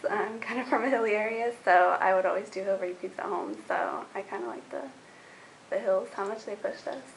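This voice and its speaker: A woman's voice: mid-range voice, fairly even intonation, a little fast, vocal fry, a little hiss or hum, low-quality recording. A 20-year-old woman, a college runner, giving chatty, upbeat interview answers. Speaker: college cross-country runner.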